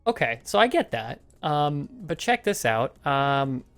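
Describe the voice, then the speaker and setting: A man's voice: a little high, very animated, unhurried, vocal fry, a bit bright, faint music behind. A man from Canada co-hosting a podcast in casual chat, talkative and laughing often, with lots of "you know"s. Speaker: podcast co-host.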